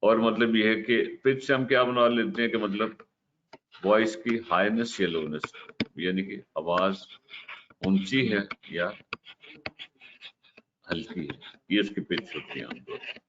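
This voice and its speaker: Low voiced guy teaching a class, slow careful explaining, bit muffled with faint hiss. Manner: explains slowly, mixes English terms into Hindi-Urdu, frequent "ठीक है" check-ins. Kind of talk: lecture on communication. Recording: slightly dull recording with faint hiss.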